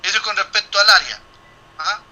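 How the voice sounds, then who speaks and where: A man's voice: high voice, lively intonation, brisk, pushed and bright, muffled recording. A middle-aged man, a lecturer explaining a statistics problem to his students and thinking aloud with restarts and rhetorical questions. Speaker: university lecturer. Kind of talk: classroom explanation.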